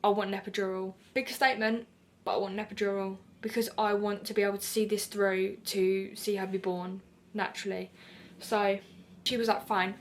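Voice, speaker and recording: A woman's voice: mid-range voice, little pitch movement, moderate pace, slight background noise. Chatty young British woman vlogger. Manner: chatty, lots of "like", acts out her own quotes. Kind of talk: casual storytelling to camera.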